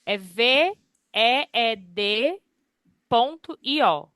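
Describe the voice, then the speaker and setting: Higher-voiced woman chiming in, dry sound. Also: animated, fairly bright tone, no echo. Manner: helpful, spells things out slowly. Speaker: class participant.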